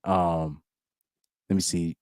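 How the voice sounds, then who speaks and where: A man's voice: deep voice, level tone, takes it slowly, darkish tone, no echo, clean studio sound. Slangy rambling young man on a live stream. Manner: rambling, lots of restarts and slang. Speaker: podcast host reading live chat. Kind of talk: casual live-stream chat.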